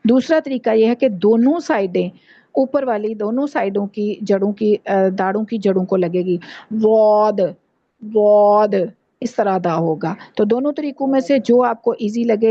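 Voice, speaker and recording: A woman teaching Quran recitation in an online class, explaining patiently and repeating sounds slowly to demonstrate. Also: mid-range voice, warm tone, dry recording. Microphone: video call. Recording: dull lo-fi call audio.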